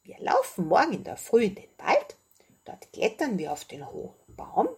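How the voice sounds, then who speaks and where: A woman's voice: mid-range voice, moderate pace, gravelly, husky, heavily acted. A woman voicing a brave, spirited little princess in a story read aloud. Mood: defiant. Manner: bold, lively.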